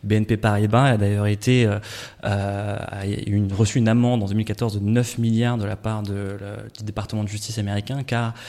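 A man answering interview questions at length, hesitant and filling pauses with frequent ums. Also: on the low side, flat delivery, darkish tone. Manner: hesitant, many "euh" fillers.

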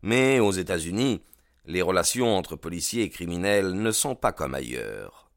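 A man narrating a story with measured, scripted storytelling. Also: low-pitched, very animated, no room sound, clean studio sound.

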